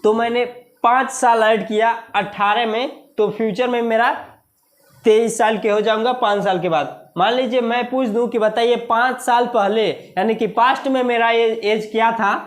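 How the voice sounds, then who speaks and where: Indian guy teaching maths for exams, pretty high voice, repeats stuff slow and quizzes the class. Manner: repeats key words slowly and asks questions. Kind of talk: exam-prep video lesson.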